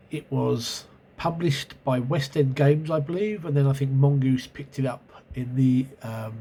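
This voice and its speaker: A congested man with a mid-range, slightly mellow voice rambles through a casual spoken video review as host of a channel covering role-playing games. Sick with a cold and sore throat, he's hesitant, full of ums and self-corrections, recorded on a camera mic with a little hiss or hum.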